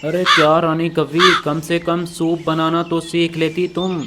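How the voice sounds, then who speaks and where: A man's voice: on the high side, monotone, measured pace, very noisy, lightly acted. A man voicing a stern male crow, a husband who gives firm orders. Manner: firm and commanding.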